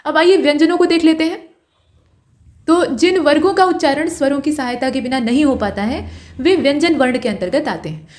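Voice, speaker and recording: A woman with a high, light voice teaches an online exam-prep grammar class. She explains patiently and keeps checking that her students follow. She slows down to sound out each vowel and letter as an example. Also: darkish tone.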